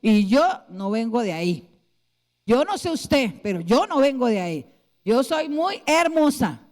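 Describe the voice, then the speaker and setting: A woman's voice: a little high, very animated, unhurried, darkish tone. A woman pastor preaching a sermon, putting rhetorical question after question to her congregation. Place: church hall. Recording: long church hall reverb.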